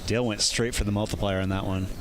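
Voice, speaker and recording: A man commentating and keeping score in casual sports banter, with clear outdoor noise around him. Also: on the low side, fairly even intonation, quick pace.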